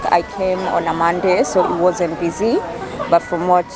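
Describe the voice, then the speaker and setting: A woman's voice: lowish voice, flat delivery, normal speed, over music. A woman chatting casually and ramblingly as a solo food review vlogger, telling things like stories to a friend. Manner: chatty, rambling storytelling with frequent 'like' and 'you know'. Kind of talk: casual vlog chat. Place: busy cafe in a shopping center. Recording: busy public crowd chatter behind voice.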